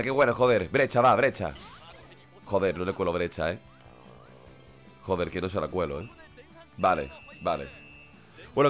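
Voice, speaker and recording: Sick, excitable man streaming a game. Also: mid-range voice. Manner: excitable, swears constantly, shouts at the game. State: sick with a runny nose. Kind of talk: live gaming stream commentary.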